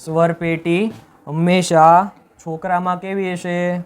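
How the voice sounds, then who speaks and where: A male teacher presents a classroom-style video lesson, repeatedly posing questions and answering them himself while often checking with "right?". His high-pitched voice is smooth, flat in delivery and slow, and his manner is repetitive and emphatic.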